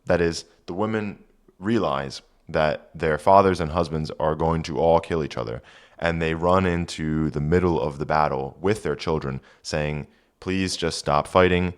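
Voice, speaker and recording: A man giving an informal lesson, reading Old English aloud with deliberate pronunciation and translating it as he teaches. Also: a bass voice.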